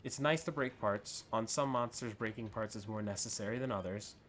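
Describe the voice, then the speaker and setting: A man with a fairly low voice hosts a gaming video over background music. He talks casually and without a script, rambling a little and thinking aloud as he reviews things. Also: fairly quick, fairly bright tone. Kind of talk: casual unscripted gameplay commentary. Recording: music under the voice.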